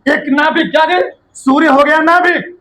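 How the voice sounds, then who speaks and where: High-voiced man teaching a physics class. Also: steady tone, normal speed, sharp tone, low-quality recording. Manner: quizzes students with rhetorical questions; colloquial, addresses listeners as brother.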